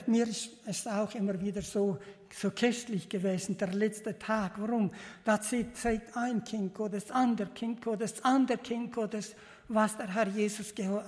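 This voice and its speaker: A man preaching an earnest, fervent Bible sermon as a lay preacher, speaking in halting, loosely built sentences that restart and repeat. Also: high-pitched, a little mellow. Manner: earnest, repetitive, addresses listeners as beloved. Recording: long reverb of a large hall.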